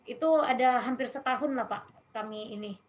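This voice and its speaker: Woman, fairly high voice, interview guest recounting her faith testimony; earnest, conversational storyteller. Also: moderate pace, dull audio, a little hiss or hum. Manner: earnest storyteller, often quoting what was said.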